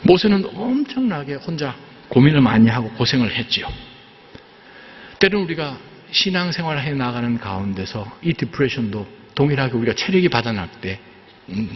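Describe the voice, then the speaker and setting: A male pastor preaching a sermon in a church sanctuary, animated, with emphatic exclamations. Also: medium pitch. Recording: echoey hall, dull sound.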